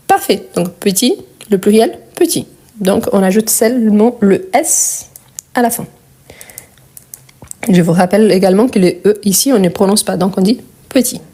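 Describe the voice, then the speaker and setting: A woman teaching French grammar in a live online lesson. She patiently repeats each word slowly and asks viewers questions. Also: mid-range voice, lively intonation, warm tone, slightly rough.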